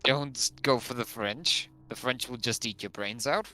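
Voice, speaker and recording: A man's voice: mid-range voice, a little slow, sharp tone. A man chatting casually as a friend on a game stream, teasing and joking with mock outrage. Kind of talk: casual chat.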